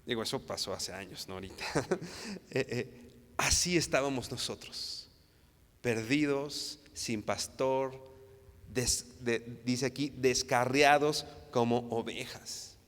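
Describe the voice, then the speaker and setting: Mexican preacher with a smooth, resonant voice. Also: male voice, mid-range voice, takes it slowly, fairly bright tone. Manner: earnest, repetitive, stammers and restarts, frequent tag questions. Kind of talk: sermon. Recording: long reverb hall.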